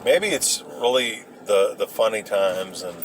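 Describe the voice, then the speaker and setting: A man casually rambling through old memories, halting and hesitant as he searches for details. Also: fairly low pitch, animated. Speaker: vlogger recounting memories. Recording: noisy, with vehicle and ambient sound.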